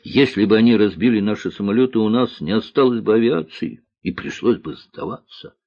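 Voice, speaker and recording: A man voicing a stern one-armed army officer who speaks slowly and dryly, in a dull lo-fi recording. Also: on the low side, warm tone, no echo, close to an everyday voice.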